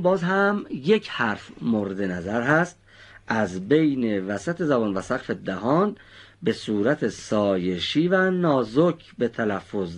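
A man's voice: medium pitch, breathy edge. Guy teaching kids recitation pronunciation, patient, praises a lot, voice goes up and down a lot. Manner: patient, praising, precise explanations.

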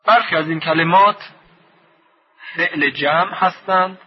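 A man teaching Quran reading in a radio lesson, stretching and repeating each example word slowly. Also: high voice, husky. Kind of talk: slow didactic lesson with drawn-out repeated words. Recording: dull lo-fi radio broadcast.

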